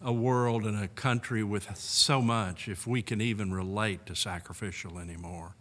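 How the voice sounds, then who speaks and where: Older male pastor, sixties, earnest sermon delivery at a pulpit mic, bright voice, church reverb. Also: lowish voice, steady tone, moderate pace. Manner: earnest, with warm little laughs and rhetorical questions. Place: church sanctuary. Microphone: pulpit microphone on a stand. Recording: long church hall reverb.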